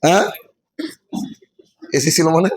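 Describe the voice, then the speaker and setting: Man, high voice, classroom lecture, step-by-step explaining. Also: a little slow, breathy edge, rough recording. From West Bengal. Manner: explains step by step, checks understanding with questions. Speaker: English teacher. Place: classroom with a board.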